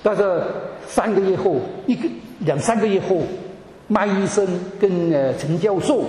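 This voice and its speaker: A man's voice: sits high, moderate pace, crowd noise. A man giving an emotional personal testimony to a congregation, often stammering and repeating words and dropping in English words. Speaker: church member giving a testimony. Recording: echoey hall with long reverb.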